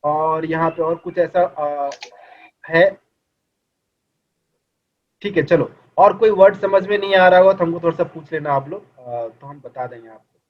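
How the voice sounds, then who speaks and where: Male teacher, high-pitched, muffled lo-fi recording; patient online lecture with questions to students. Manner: explains in Hindi, reads English lines slowly; asks students questions as if in class. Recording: dull lo-fi recording.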